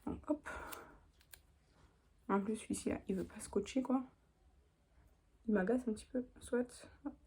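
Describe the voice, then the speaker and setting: Her voice on the high side, warm and husky, a young beauty vlogger talks a little slowly and pauses often. She chats casually through her makeup tutorial, working as she goes and dropping plenty of small "hop"s.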